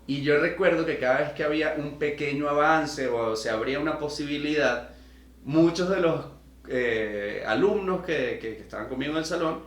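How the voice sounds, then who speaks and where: A man's voice: mid-range voice, fairly bright tone, roomy sound. A man from Venezuela hosting a podcast interview, talking in long, enthusiastic, rambling runs. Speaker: podcast host. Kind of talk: casual interview conversation.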